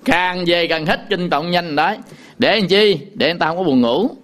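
A man teaching sutra chanting, explaining in quick casual talk and breaking into slow, drawn-out chanted demonstrations. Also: sits high, a bit bright. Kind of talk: chanting lesson with sung demonstrations.

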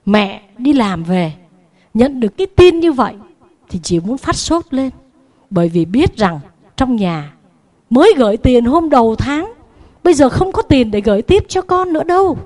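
A woman preacher, a Buddhist nun, tells a moral story to a group of children. She is animated and lets her voice rise and fall in both pitch and loudness. Her voice sits fairly high. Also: moderate pace.

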